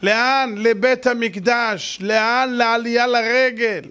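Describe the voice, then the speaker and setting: A man with a high voice delivers a Torah lesson with dramatic storytelling. He talks emphatically, swings between hushed and forceful delivery, and acts out the characters in his tales. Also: fairly even intonation, clear, resonant tone. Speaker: rabbi.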